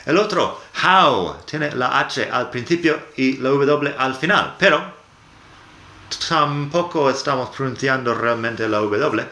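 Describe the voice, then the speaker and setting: A man who is a native English speaker, teaching English pronunciation in Spanish in a casual, upbeat video lesson from his sofa at home, slowing down to model the English words. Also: mid-range voice, pushed and bright. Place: home living room, on a sofa. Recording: echoey room.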